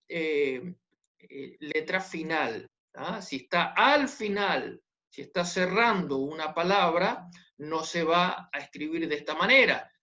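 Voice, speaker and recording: Teacher, unhurried, patient, repeats points, checks in with the class, muffled lo-fi recording. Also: medium pitch, sharp tone. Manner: patient, repetitive, checks understanding with tag questions. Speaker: Hebrew teacher. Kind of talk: online class lesson.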